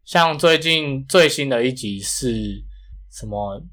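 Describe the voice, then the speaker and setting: A man's voice: mid-range voice, takes it slowly. Man with a strong Taiwanese Mandarin accent. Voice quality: flat, non-retroflex consonants. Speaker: podcast co-host. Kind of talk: casual chat.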